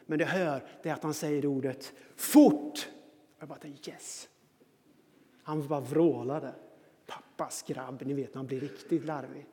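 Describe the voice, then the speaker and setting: A man telling a personal anecdote as a self-mocking, animated monologue. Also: on the high side, big-room sound. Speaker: storyteller.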